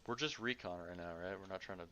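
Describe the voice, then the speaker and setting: Low, fast-talking man in tactical game chat. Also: sharp tone. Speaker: radio operator in a military simulation game. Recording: faint background noise.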